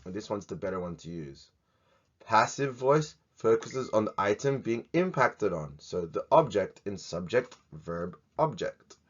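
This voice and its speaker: A man teaches grammar to the camera in a jokey, animated manner. His voice sits low and his delivery keeps swinging between loud and soft. The recording sounds dull and lo-fi. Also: a little slow. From Australia. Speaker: English teacher. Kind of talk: playful video lesson.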